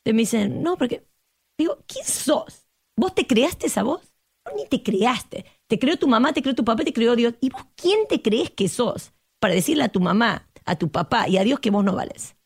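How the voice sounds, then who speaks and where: A woman's voice: on the high side, moderate pace, husky, no echo, studio quality. Emphatic Argentine woman therapist. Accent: Argentine Spanish. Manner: emphatic, passionate, lively acted-out quotes. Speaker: guest therapist. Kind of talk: podcast conversation.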